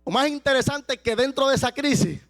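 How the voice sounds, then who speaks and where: A pastor preaching a sermon with passion, at times slowing down and shouting for emphasis. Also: male voice, very high-pitched.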